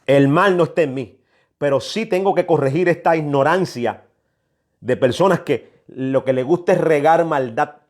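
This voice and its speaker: Fairly high-pitched and a little mellow, this man's voice moves at normal speed as he delivers a prophetic sermon. He's from New York, United States, and his exhortation is emphatic and admonishing, with phrases often repeated for weight.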